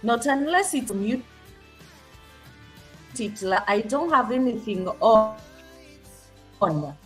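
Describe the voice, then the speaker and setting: A woman's voice: a little high, animated, faint music behind. A woman talking casually on an online call from her laptop, with her voice echoing back from a second device. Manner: unhurried, checking whether she can be heard. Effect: echo from a second device on her end. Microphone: laptop on a video call.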